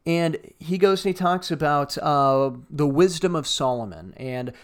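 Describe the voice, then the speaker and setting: A man's voice: on the high side, lively intonation, measured pace, smooth. A man co-hosting a casual podcast discussion who reads passages aloud and comments on them wryly. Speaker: podcast co-host.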